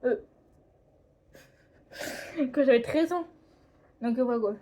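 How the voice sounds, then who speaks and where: Rambling teenage girl vlogger, mellow voice. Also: a little high, takes it slowly. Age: teens. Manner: rambling, hesitant, self-correcting. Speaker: drawing vlogger. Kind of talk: casual chat. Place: home, indoors.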